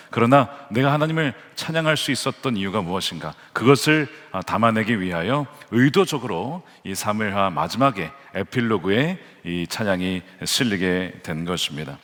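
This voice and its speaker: A man's voice: lowish voice, lively intonation, fairly quick, few pauses, fairly bright tone. A man preaching a Sunday sermon as pastor, earnest and building to fervent emphasis when he quotes scripture. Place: large church sanctuary. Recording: long hall reverb from church sanctuary.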